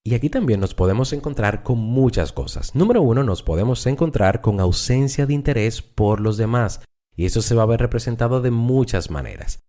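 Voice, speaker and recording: A man's voice: fairly low pitch, dark tone. A man from the Dominican Republic explaining a topic in a lecture style, speaking to the listener directly and repeating words for emphasis. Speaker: neuropsychologist teaching.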